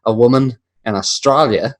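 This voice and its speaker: A man's voice: medium pitch, moderate pace. A man, co-hosting a podcast in casual chat, swearing freely and acting out the voices of people in his stories. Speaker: podcast co-host.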